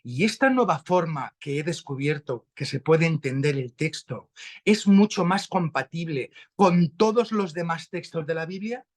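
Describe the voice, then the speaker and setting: A man with an accent from Spain, explaining a Bible passage slowly and thoughtfully in a conversation over a video call. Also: fairly high pitch. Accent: Spanish from Spain. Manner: slow, reflective, animated rises when stressing a point. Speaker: guest speaker. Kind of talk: conversational religious teaching.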